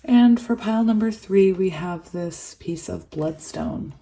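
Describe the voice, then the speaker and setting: This tarot reader has a cold and barely any voice left, leaving her hoarse, with a medium pitch, a dark tone and a slightly slow pace. The recording quality is low. She chats casually, often laughing and drifting off into fillers.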